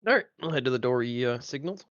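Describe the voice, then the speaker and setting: A man chats in role as a tabletop game player, wry and joking. He talks fast with lively pitch, and the recording is dull and muffled. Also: dry recording. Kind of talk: casual role-play chat.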